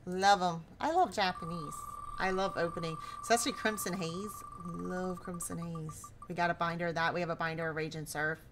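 A woman's voice: on the low side, steady tone, brisk, background noise. A woman hosting a live stream in a chatty, teasing way, laughing often as she talks to her viewers. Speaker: live-stream host running a card pack battle. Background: faint background music.

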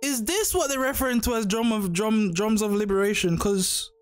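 A man's voice: high-pitched, moderate pace, clean tone. A young man, giving casual anime reaction commentary full of slang and swearing, often repeating himself.

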